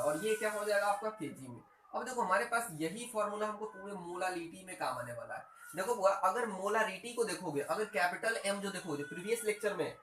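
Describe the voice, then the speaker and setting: A man's voice: high voice, a bit bright. Male chemistry tutor, repetitive question-and-answer board lecture, roomy echo. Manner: keeps asking the class rhetorical questions and repeats each phrase. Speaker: chemistry teacher. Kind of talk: whiteboard lecture. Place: room with a board. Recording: echoey room with faint background hum.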